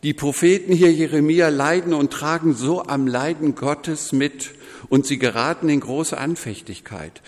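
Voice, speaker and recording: Slow-preaching man in a reverberant hall. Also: fairly high pitch. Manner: slow, measured preaching with quoted voices woven in. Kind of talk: sermon.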